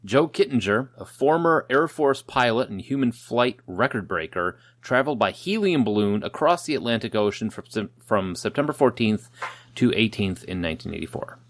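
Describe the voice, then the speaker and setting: A man's voice: medium pitch, lively intonation, moderate pace, dry recording. A man co-hosting a podcast, reading out old news items with jokes and loose swearing. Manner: joking, swears casually, stumbles over words. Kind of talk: casual podcast banter.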